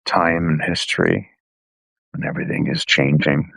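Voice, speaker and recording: A man leading a guided meditation aboard a ferry, calm, unhurried and gently hesitant. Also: rumbling low, creaky, no echo, rough recording.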